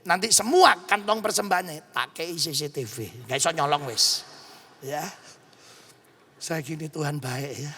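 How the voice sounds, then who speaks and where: A pastor with an East Javanese accent, preaching a sermon in animated storytelling fashion and acting out dialogue. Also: male voice, on the high side, measured pace, slight background noise.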